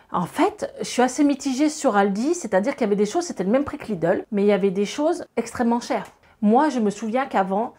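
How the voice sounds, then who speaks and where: A woman in her thirties from France, chatting casually to camera about her groceries, lively with many fillers and asides to viewers. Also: fairly high pitch, husky. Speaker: grocery haul vlogger and mother.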